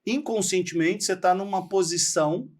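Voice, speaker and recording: A Brazilian man speaking as a guest on a podcast, explaining things in an animated way and acting out little bits of dialogue. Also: high voice, moderate pace. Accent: Brazilian Portuguese. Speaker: podcast guest, real estate trainer. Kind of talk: casual podcast conversation.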